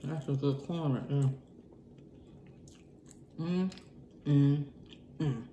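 Una mujer que come y charla de forma relajada en un vlog, hablando con la boca llena mientras mastica. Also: female voice, sits low, very slow, roomy sound, slight background noise. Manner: relaxed, talks between bites with food sounds. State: mouth full, chewing. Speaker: mukbang vlogger. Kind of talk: casual eating vlog chat.

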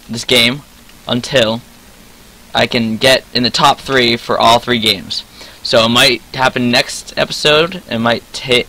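Teen male gamer narrating his play, bright voice, easily frustrated, yelps and voice cracks. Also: medium pitch, low-quality recording. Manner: excitable, frustrated outbursts, voice cracks. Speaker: gaming channel host. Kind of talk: live gameplay commentary.

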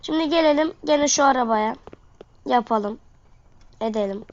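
A woman's voice: high voice, moderate pace. A woman with a congested, sniffly nose giving casual, slangy gameplay commentary to her viewers. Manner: slangy, talking to viewers while playing. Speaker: gaming video host. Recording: dull lo-fi microphone sound.

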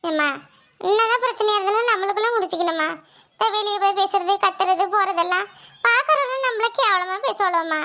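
A woman's voice: extremely high pitch, brisk, pushed and bright. A woman voicing a young elder sister in a cartoon, pleading and reasoning for her brother. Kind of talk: cartoon voice acting.

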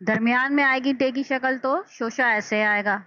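A woman teacher giving a patient alphabet lesson, sounding out syllables slowly and deliberately. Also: high-pitched, steady tone, bright, forceful tone. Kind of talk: slow step-by-step alphabet lesson. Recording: dull lo-fi dry recording.

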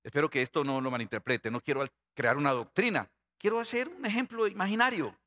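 Male pastor, middle-aged, bright ringing tone, lively sermon style that quizzes the flock. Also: a little high, quick pace. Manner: animated, questions the congregation directly.

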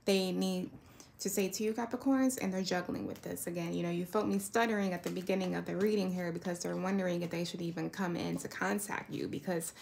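This tarot reader's voice is lowish, steady, fairly quick and darkish, with vocal fry and a little hiss or hum in the recording. She meanders conversationally through the cards, checking in with "right?" and "you know."

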